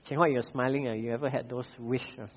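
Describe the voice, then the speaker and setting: Malaysian pastor preaching a measured sermon. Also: male voice, mid-range voice, steady tone, highs cut off, a little hiss or hum. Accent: Malaysian English. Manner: measured preaching, repeats key phrases, frequent "uh" fillers.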